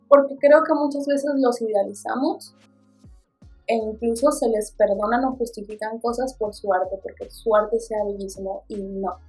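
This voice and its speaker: A woman's voice: medium pitch, darkish tone, husky. A woman with a Mexican accent, a book vlogger chatting casually and expressively about her reading, with playful asides. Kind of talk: casual book review chat.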